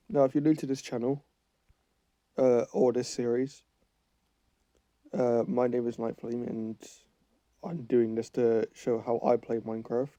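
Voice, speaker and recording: Slow and creaky, pausing often, a gaming channel host with a cold and a failing voice rambles over his gameplay, thinking out loud and correcting himself. His mid-range voice is mellow with fairly even intonation, and there's no room sound.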